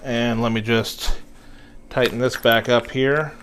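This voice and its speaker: Relaxed man talking through guitar repairs. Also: medium pitch, takes it slowly, a little hiss or hum. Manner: relaxed, talks while working, filler-heavy. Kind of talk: casual workshop narration.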